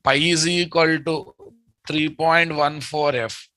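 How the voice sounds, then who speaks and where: A man's voice: fairly high pitch, steady tone, takes it slowly, bright, forceful tone, dry recording. A man with a Telugu Indian accent teaching programming live, speaking emphatically, repeating his statements and quizzing his students.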